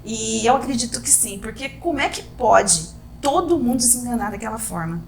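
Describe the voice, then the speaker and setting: A Brazilian woman with a high, bright-pitched voice tells a personal story on a casual podcast. She is animated and slips into the voices of the people she quotes. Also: normal speed, vocal fry, crowd noise.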